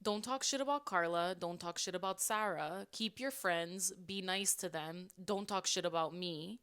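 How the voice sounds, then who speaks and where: A woman's voice: fairly low pitch, moderate pace, fairly bright tone, clean tone. A young woman co-hosting a podcast, chatting casually and eagerly about snacks, with lots of "like" fillers. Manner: chatty, enthusiastic snack talk with many "like" fillers. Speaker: podcast co-host. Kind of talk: casual chat.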